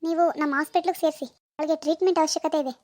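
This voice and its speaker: Woman playing a calm cartoon doctor, very high voice, brisk, patient and reassuring, dry recording. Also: no room sound, close to an everyday voice. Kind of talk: Kannada cartoon voice acting.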